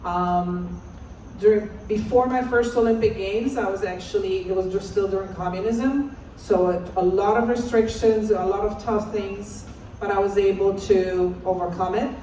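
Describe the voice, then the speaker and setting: A Romanian woman, an assistant professor, presents an interactive talk in a large conference hall, urging the audience to shout out answers. Her mid-range voice has fairly even intonation, normal speed, and a dark tone. The recording is echoey with her voice distant and slight background noise.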